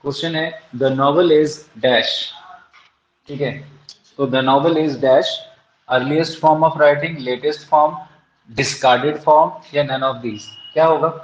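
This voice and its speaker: Slow and steady in tone, a man with a voice on the high side delivers an exam-prep lecture on English literature in an Indian English accent. He asks rhetorical questions and supplies the answers himself; the recording is echoey, dull and lo-fi.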